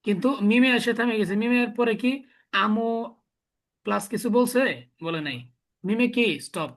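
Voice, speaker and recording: At normal speed and with an extremely high pitch, a man gives a lesson to a small class, explaining step by step and quizzing the students with one question asked again and again.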